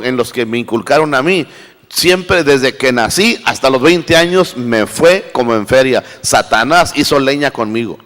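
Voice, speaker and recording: A man preaching a sermon as pastor, swinging between loud cries and hushed lines. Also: mid-range voice. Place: church hall. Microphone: handheld microphone. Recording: live church recording with long reverb.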